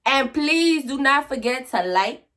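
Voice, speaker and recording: A woman's voice: high-pitched, a little slow. Blunt woman telling a casual vlog story. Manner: animated, blunt, acts out quoted conversations. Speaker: vlogger.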